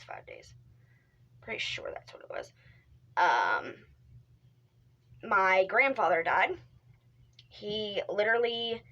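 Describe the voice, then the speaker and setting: Young female vlogger, middle-pitched, casual and rambling, candid with the odd swear. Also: fairly bright tone, highs cut off. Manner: rambling, frequent fillers and restarts; drops into whispered asides. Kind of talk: casual talk to camera.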